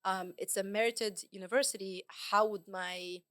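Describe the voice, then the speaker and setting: Woman, podcast guest, animated storyteller, average pitch, dry close sound. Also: moderate pace, no echo. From England. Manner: lively anecdotal storytelling, often laughing. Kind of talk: casual podcast interview.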